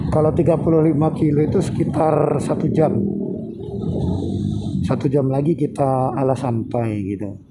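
Chatty motorbike vlogger, loud wind noise. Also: male voice, on the high side, fairly even intonation, normal speed. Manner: chatty, addresses viewers as friends. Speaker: motovlogger. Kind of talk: casual riding commentary. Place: on a motorbike on a busy road. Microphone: helmet mic with wind noise.

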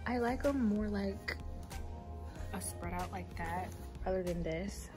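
A woman's voice: medium pitch, slow, over music. A young woman vlogging her day on her phone camera, chatty and a little self-conscious, with lots of "like". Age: young adult. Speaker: vlogger, community college student. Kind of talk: casual day-in-my-life vlog. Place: campus library, then home. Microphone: phone camera at arm's length.

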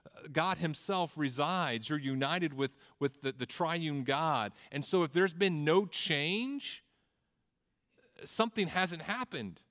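A man's voice: on the high side, lively intonation, slow pace, fairly bright tone. Man preaching in a reverberant hall. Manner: conversational, frequent stammered repeats, self-deprecating humor. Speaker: pastor. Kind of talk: sermon.

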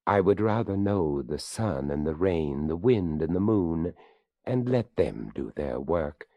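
A man's voice: low-pitched, lively intonation, unhurried, dark tone, dry recording, dull audio, exaggerated voice. A man voicing a courteous, formal old male skeleton in a storybook reading. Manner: formal, polite.

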